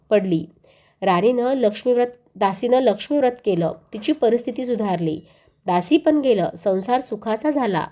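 A woman narrating a devotional folk tale in a steady, measured reading. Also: on the high side. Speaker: storyteller.

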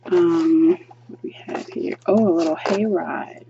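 With her hands seen turning pages at a table indoors, a woman reviews a coloring book, gushing and chatty, thinking aloud through many ums. Her voice is on the low side, unhurried and laced with vocal fry, and the audio sounds dull with background noise.

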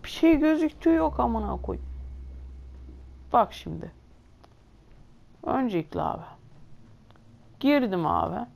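A woman's voice: a little high, sing-song, unhurried, creaky, pauses often, a little mellow. A woman doing gameplay commentary for her channel, swearing constantly and griping to her viewers. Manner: swears a lot, grumbling and exasperated; talks straight to viewers. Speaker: gaming video host.

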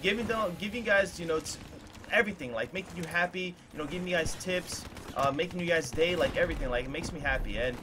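A man's voice: a little high, quick pace, noisy background. A man in his early twenties talks candidly to his viewers from a small room at home, earnest and rambling, repeating himself with lots of fillers. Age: 20s. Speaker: gaming YouTuber. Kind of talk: candid talk to viewers over gameplay. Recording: clear gunfire from the game behind the voice. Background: game gunfire.

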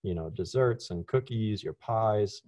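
A man's voice: lowish voice, measured pace, dark tone, dry recording. A man from Louisiana giving a casual online webinar talk as a university food science presenter, with frequent ums and restarts. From Louisiana, USA. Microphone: video call.

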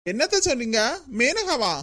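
A woman's voice: high-pitched, sing-song, normal speed, fairly bright tone. A woman voicing a put-upon young daughter-in-law in a cartoon, pleading and anxious, with a Kanyakumari Tamil accent. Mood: relieved. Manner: plaintive, pleading. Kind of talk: cartoon voice acting.

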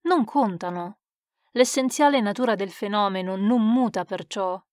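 A woman's voice: medium pitch, moderate pace, darkish tone, no echo, clean studio sound, natural voice. A woman reading the part of a skeptical male scientist who speaks in a dismissive, argumentative way. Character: man, a skeptical, brusque scientist. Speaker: audiobook reader. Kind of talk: expressive literary reading.

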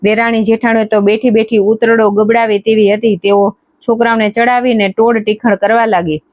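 A woman storyteller reading a devotional folk tale in a measured, steady way. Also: fairly high pitch, no echo. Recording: dry, dull lo-fi recording.

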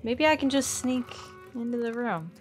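A woman's voice: on the high side, expressive, normal speed, over loud music. A young adult woman giving casual gameplay commentary as a streamer, sarcastic and talking to the game. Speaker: gaming streamer. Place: small indoor home streaming room. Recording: game sounds behind the voice. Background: video game sounds.

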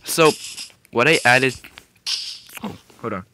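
A young man hosting casual gameplay commentary. He swears often, gets excited easily and keeps restarting his sentences. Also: medium pitch, slow pace, very noisy. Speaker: gaming video host.

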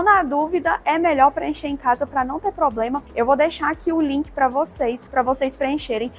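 A woman's voice: high-pitched, a little hiss or hum. A woman from Brazil narrating a travel vlog in a friendly, chatty way, talking straight to her viewers. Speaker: travel vlogger.

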